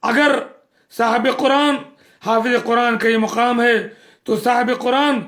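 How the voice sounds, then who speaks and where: A man's voice: very high-pitched, fairly even intonation, a bit bright. A man preaching a sermon, earnest and scolding, repeating phrases for emphasis.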